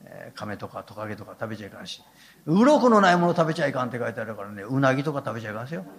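A man's voice: mid-range voice, sing-song, rapid-fire. An older man, preaching a sermon as a pastor with folksy, humorous storytelling.

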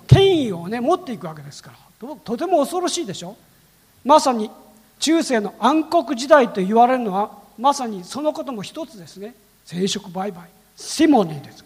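A man preaching a sermon as a pastor, telling the story with lively asides and tagging his sentences with frequent questions to the listeners. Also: high-pitched, husky, long reverb tail.

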